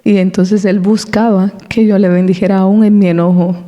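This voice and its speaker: A woman giving a personal testimony in a church service, telling her story with lively acted-out dialogue and the occasional laugh. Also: mid-range voice, normal speed, dull audio. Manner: animated storytelling, acting out quoted dialogue; laughs between anecdotes. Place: church hall. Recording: long reverb of a church hall.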